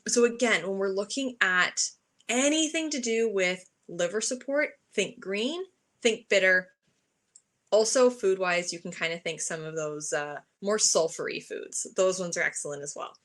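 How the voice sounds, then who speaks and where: A woman around thirty with a bright, crisp-edged voice at an average pitch. She talks informally as a product presenter, explaining things conversationally and with clear enthusiasm for what she recommends. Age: 30s. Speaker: health supplement presenter for a sponsor. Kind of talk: informal product talk at an online event.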